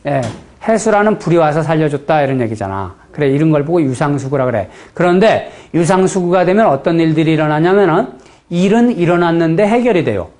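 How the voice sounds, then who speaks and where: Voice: mid-range voice, animated, brisk, darkish tone. Blunt, folksy Chungcheong Korean lecturer. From Chungcheong region, Korea. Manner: blunt and folksy, with frequent rhetorical check-in questions. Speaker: fortune-telling teacher. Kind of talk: classroom lecture.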